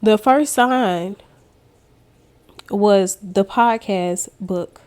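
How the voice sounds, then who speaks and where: She speaks extremely slowly, with a medium pitch and a darkish tone. A faith vlogger, she gives a casual testimony as a chatty storyteller addressing her viewers head-on.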